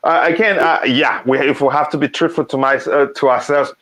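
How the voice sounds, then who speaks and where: A man's voice: on the high side, fairly even intonation, a little fast, fairly bright tone. Talkative Nigerian-raised man hosting a live stream. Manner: talkative, many ums and restarts, reads chat comments. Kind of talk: casual live-stream football chat.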